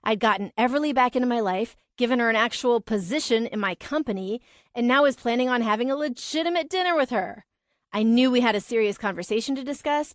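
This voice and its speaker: A woman narrating a romance audiobook in a calm, even storytelling manner. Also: on the high side, no echo, clean studio sound. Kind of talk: scripted narration.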